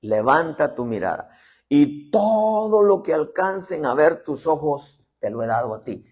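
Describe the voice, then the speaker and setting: A man speaking as God, slowly and solemnly in a lowered, husky voice. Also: sing-song, darkish tone, dull audio, exaggerated voice. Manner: slow, solemn, low-spoken. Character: God, a calm, solemn male divine voice.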